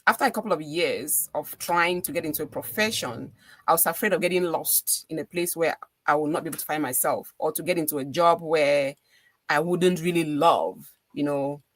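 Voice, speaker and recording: A middle-aged woman with a Cameroonian accent, a radio DJ appearing as a podcast guest, speaks earnestly in a casual interview conversation, repeating phrases for emphasis. Her voice sits low and a bit bright, at normal speed, with no room sound.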